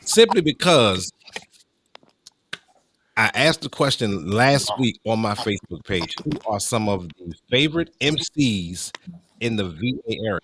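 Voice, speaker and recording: A man's voice: fairly low pitch, lively intonation, a little slow, fairly bright tone, a little hiss or hum, poor audio. A man casually hosting a talk show and introducing guests in an informal, conversational way.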